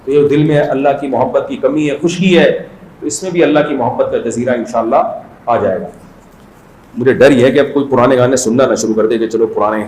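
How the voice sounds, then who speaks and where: A man's voice: fairly high pitch, roomy sound, low-quality recording. A man giving a conversational, humorous sermon as an Islamic scholar, telling stories and acting out voices. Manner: storytelling, jokes, brief acted voices in anecdotes.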